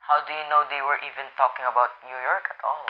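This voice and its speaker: A man's voice: mid-range voice, level tone, quick pace, close to an everyday voice. A young man playing an unconcerned, patronizing police sergeant in an amateur radio drama, dismissive and placating. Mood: skeptical. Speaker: student voice actor in a radio play. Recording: dull lo-fi sound, faint noise.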